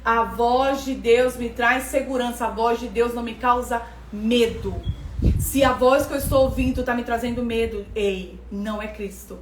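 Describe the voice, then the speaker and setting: Brazilian woman preaching a lesson, high voice, repeats stuff for emphasis, echoey room. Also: steady tone, normal speed, a little hiss or hum. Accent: Brazilian Portuguese. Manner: emphatic, repeating phrases for stress. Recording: echoey room from far off, faint ambience.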